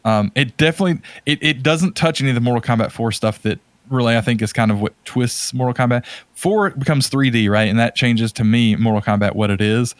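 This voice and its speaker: A man co-hosts a podcast, chatting casually and enthusiastically about video game movies and rambling as he thinks aloud. His voice is mid-range and fairly quick, with no room sound.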